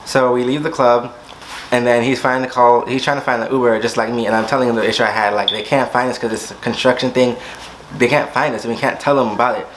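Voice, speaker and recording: A young man spins a storytime tale for his vlog, throwing himself into every quoted line and leaping into sudden high squeals. His voice sits at an ordinary middle pitch. A faint hiss lies under the recording. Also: steady tone, fast talker, fairly bright tone, rough recording. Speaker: vlogger.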